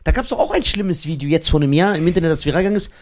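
A man co-hosting a podcast, telling stories in casual chat and swinging between loud outbursts and quiet asides. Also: fairly high pitch, animated, very fast. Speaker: podcast co-host.

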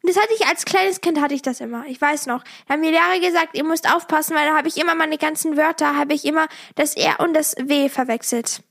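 A young woman with a high voice chats and teases her parents on a family podcast. She hesitates, searches for words, and restarts her sentences. Her delivery stays casual and lively. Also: fast, gravelly, few pauses. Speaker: podcast co-host, daughter.

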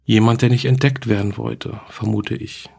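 A man voicing a calm, matter-of-fact girl with a morbid streak. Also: mid-range voice, normal speed, creaky, slightly rough.

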